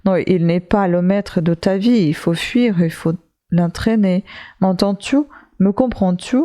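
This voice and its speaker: Desperate young guy begging to turn back, mellow low voice, read by a woman. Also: a little slow, lightly acted. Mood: urgent. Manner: urgent, pleading. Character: desperate young male nephew, pleading.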